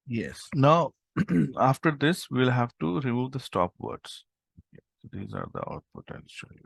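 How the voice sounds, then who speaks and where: A man's voice: medium pitch, huge pitch swings, measured pace, gravelly, slightly rough, no echo. A man teaching a live coding tutorial over an online call, explaining step by step with frequent "okay" and "right?". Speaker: instructor.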